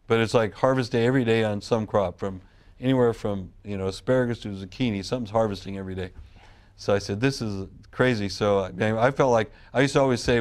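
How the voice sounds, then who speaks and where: With a medium-pitched, darkish voice, a middle-aged man from California who grows wine grapes shares long family stories in a relaxed interview. He rambles and keeps restarting his sentences.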